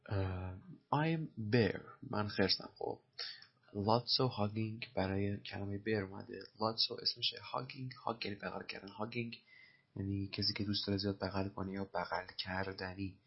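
A man with a low, gravelly, husky voice walks through film lines as an English lesson, repeating phrases and spelling words out letter by letter. The recording is dull and lo-fi. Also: steady tone. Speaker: English teacher. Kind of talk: explaining film dialogue in a language lesson.

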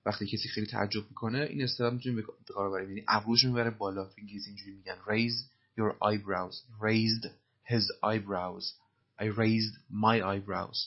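Husky-voiced man teaching English. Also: on the low side, steady tone, muffled recording. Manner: patient, explains step by step, repeats phrases slowly. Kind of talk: explaining English phrases from clips.

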